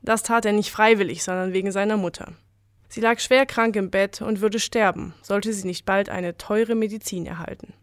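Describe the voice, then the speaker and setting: A woman calmly narrating a folk tale as a scripted story. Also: mid-range voice, normal speed, no room sound, clean studio sound.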